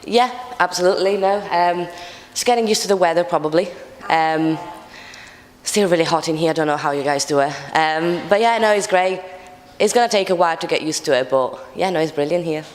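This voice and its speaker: A woman's voice: on the low side, fairly quick. A woman giving upbeat, chatty interview answers with many fillers. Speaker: backpacker interviewee. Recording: long hall reverb.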